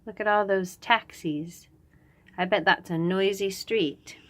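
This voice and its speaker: With a medium-pitched, fairly bright voice and a slow pace, a woman reads a picture book to young children. She describes the pages simply and briefly, asking questions along the way.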